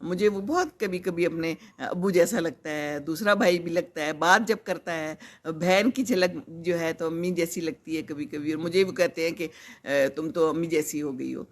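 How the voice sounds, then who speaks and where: A woman's voice: fairly low pitch, normal speed, hardly any pauses. Older woman chatting on a live stream. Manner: rambling, chatty, conversational, wanders off topic. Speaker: host. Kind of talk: live-stream chat reading viewer comments.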